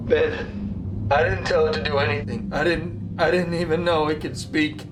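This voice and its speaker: An actor playing a panicked man on a phone call who urgently shouts desperate warnings. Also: fairly high pitch, little pitch movement, moderate pace, over loud music, close to an everyday voice. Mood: uneasy.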